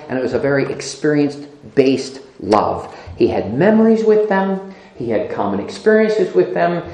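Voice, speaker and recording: In an echoey room, a preacher gives a sermon, reading scripture aloud and repeating phrases for emphasis. He shifts between loud, emphatic lines and soft, low asides.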